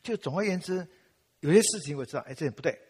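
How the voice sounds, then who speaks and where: A man's voice: fairly high pitch, animated, fast, a little mellow, husky, big-room sound. An older man from Taiwan preaching, telling his own story with self-mocking humor and acting out his past prayers. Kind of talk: sermon with personal testimony.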